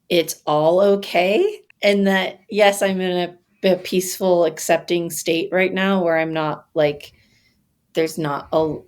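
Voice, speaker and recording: A woman in a casual podcast conversation, talking reflectively, searching for words with many fillers and growing emotional. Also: fairly low pitch. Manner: gets emotional while talking. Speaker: podcast guest.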